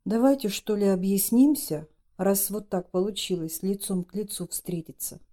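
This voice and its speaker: Женщина в роли строгой нервной жены. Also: female voice, mid-range voice, animated, moderate pace, warm tone, close to an everyday voice. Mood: stern. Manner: stern, pressing. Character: stern, nervous middle-aged wife.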